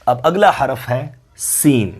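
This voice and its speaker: A man's voice: medium pitch, expressive, breathy edge. A man teaching Quran letter pronunciation, patiently drawing out each letter sound step by step. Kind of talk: step-by-step recitation lesson.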